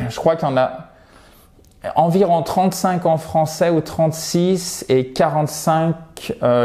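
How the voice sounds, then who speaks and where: A man with a French accent teaching English pronunciation in a casual spoken lesson, lively, exaggerating the sounds and often checking in with his learners. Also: fairly high pitch.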